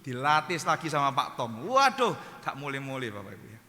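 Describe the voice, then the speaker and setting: A man with an East Javanese accent, a pastor telling stories lively in a sermon to his congregation. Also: medium pitch, quick pace. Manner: lively storytelling, keeps addressing the congregation. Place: church hall. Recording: long church-hall reverb.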